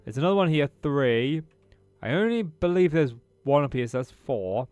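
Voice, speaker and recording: A British gaming YouTuber thinks aloud in a casual let's-play of a strategy game, his voice slightly off after a throat infection. His pitch sits on the high side with lively intonation at a normal speed, and the tone is clean and a little mellow. The recording is dry, with faint music in the background.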